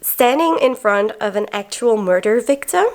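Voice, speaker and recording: A woman's voice: fairly high pitch, lively intonation, moderate pace. A woman narrating a travel vlog, chatty and enthusiastic as she explains and recaps her experiences. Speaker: travel vlogger.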